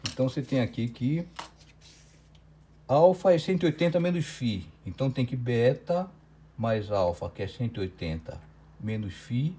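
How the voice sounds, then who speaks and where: A man's voice: mid-range voice, creaky, warm tone, slight background noise. A Brazilian Portuguese-accented man teaching physics in an online lecture, working through a problem step by step and checking often with "certo?".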